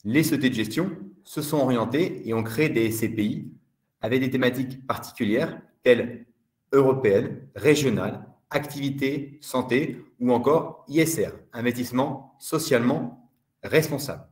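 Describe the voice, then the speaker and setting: A man giving a steady, measured explanatory webinar presentation as a fund department director. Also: mid-range voice, echoey room.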